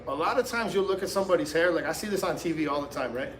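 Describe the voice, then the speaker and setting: Racing along with an animated, fairly high and slightly bright voice, a barber livestreams a haircut tutorial. He speaks casually and slangily to his audience, with reverb, slight background noise and rough audio quality.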